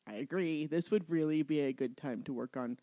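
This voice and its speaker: A woman's voice: deep voice, a little fast, no echo. A woman co-hosting a podcast, casually recapping a TV episode, laughing often and correcting herself as she goes. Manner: laughs often, self-correcting, animated retelling.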